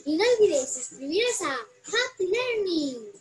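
A woman with a Spain accent narrating a children's video, slow and sing-song, drawing words out syllable by syllable. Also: very high-pitched, very animated. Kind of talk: cheerful scripted narration for children. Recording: video played over a call with faint music.

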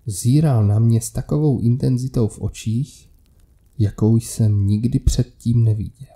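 A man reading a scripted horror story aloud in a measured, steady manner. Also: medium pitch. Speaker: narrator.

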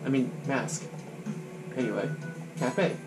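A man's voice: medium pitch, slow. Chatty man commenting on a game. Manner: chatty, wry asides while playing. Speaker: let's play host. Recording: guitar music playing behind.

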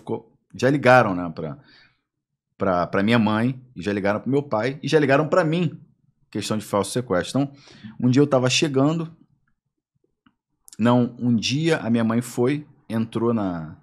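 A man with a Brazilian accent telling anecdotes as a podcast guest, acting out the voices in his stories. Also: medium pitch. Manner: animated, acts out voices in anecdotes. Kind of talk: casual storytelling.

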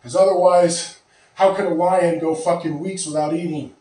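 Brief: man, 30s, winded fitness vlogger, fairly high voice, rambling chat heard from across an echoing room. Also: steady tone, moderate pace, darkish tone. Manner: rambling, breathless after lifting, clears throat often. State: out of breath. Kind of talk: casual talk to camera. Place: small home gym room. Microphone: far camera. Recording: very echoey room, from far off.

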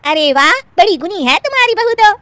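Chatty middle-aged party guests, voiced by a woman, gushing with praise. The voice is high and lively, with a dry sound. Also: fairly quick, no room sound, exaggerated voice.

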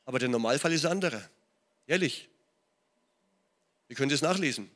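A man's voice: medium pitch, lively intonation, brisk, fairly bright tone. A middle-aged man with a German accent, preaching a sermon in a church and often checking in with his listeners. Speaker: pastor. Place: church hall.

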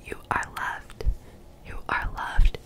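Young female, fully whispered ASMR, soothing and encouraging, repeats phrases, very close on the mic. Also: slow pace. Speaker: ASMR video creator. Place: small bedroom, indoors. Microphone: desktop condenser mic, very close.

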